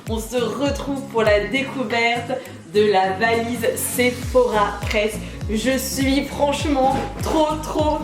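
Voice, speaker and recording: Woman beauty vlogger, chatty and upbeat, slightly high voice. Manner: bubbly, chatty, talks straight to viewers. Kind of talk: casual unboxing vlog. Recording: echoey room with faint music.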